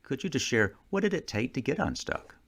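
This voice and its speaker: A man hosting a podcast, asking his guest questions in a measured, deliberate way. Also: mid-range voice, very animated, gravelly, slightly rough. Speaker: podcast host. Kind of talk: interview questions.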